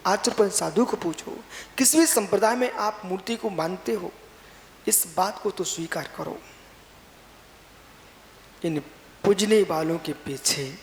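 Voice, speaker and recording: A middle-aged man preaches as a Jain monk, urging his listeners and repeating each point. His voice rings through a large hall with a long reverb and a faint hiss. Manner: repetitive, exhorting, rising to emphatic high-pitched stress. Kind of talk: sermon.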